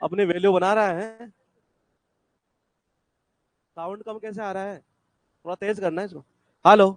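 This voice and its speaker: A man's voice: high-pitched, fairly even intonation, fairly quick. A man teaching an English class live to a room of students and online viewers, talking in a casual, chatty way and checking in with them often. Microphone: classroom mic and speaker, streamed online.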